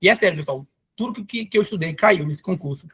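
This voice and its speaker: A man's voice: high-pitched, expressive, quick pace, fairly bright tone, husky. A man from Brazil, a math teacher giving a live online exam-prep class, chatty and enthusiastic with storytelling asides. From Pará, Brazil. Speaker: math teacher for civil service exams.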